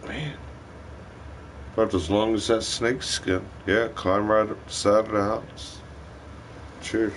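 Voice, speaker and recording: A man's voice: lowish voice, little pitch movement, takes it slowly, long pauses, slight background noise. A man chatting casually on a livestream, telling a rambling, profane story. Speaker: livestream host.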